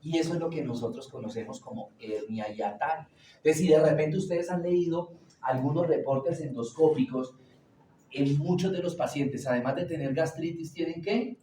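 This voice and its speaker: A man's voice: on the high side, moderate pace, warm tone, slight background noise. A man teaching a classroom lecture, asking the class questions and answering them himself. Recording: roomy echo, distant from the mic.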